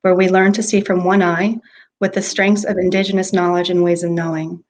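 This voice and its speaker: Lower-voiced woman reading prepared remarks. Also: flat delivery, darkish tone. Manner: measured, deliberate list-like delivery. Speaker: university speaker. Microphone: video call.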